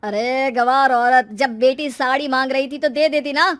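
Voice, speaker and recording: Woman putting on an angry, scornful husband, loud and harsh. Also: high-pitched, steady tone, normal speed. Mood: indignant, scornful. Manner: scolding, harsh. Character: angry, scornful husband and father, middle-aged man.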